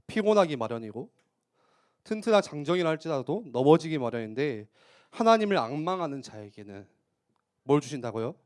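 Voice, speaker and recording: A man preaching a youth sermon in church, conversational, tossing out rhetorical questions and punctuating with quick affirmations. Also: on the high side. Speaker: youth pastor.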